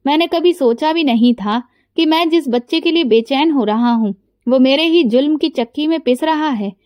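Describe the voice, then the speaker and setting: A woman narrating a scripted first-person story in a steady, emotional way. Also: sits high, normal speed, no room sound, studio quality.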